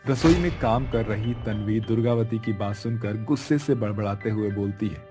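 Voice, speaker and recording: A man narrating a cartoon story in a measured, storytelling manner. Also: lowish voice, warm tone, soft background music.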